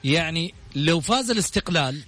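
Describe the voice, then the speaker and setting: A man's voice: on the high side, expressive, fairly quick, a bit bright. A man hosting a radio sports show, running through league standings and questioning his guest. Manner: questioning, lists standings and results.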